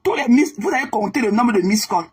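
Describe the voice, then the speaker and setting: Husky woman ranting on a live stream. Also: fairly high pitch, lively intonation, brisk, darkish tone. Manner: confrontational, mocking, repetitive. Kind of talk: live-stream rant addressing a rival.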